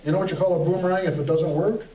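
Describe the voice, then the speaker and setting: A man's voice: high voice, fairly even intonation, very fast, warm tone. A man doing comedy magic patter like a kids party magician and emcee, playfully coaxing the audience to respond. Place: echoey hall, talent show stage. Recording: echoey hall from far off, muffled, music and crowd.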